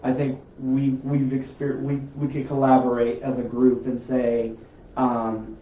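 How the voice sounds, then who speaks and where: Guy hosting a paranormal live show, rambly animated storyteller, kinda far from the mic, echoey room. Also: medium pitch, measured pace. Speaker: paranormal investigation group host. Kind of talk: casual live-stream chat. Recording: roomy, distant, slightly dull live-stream audio.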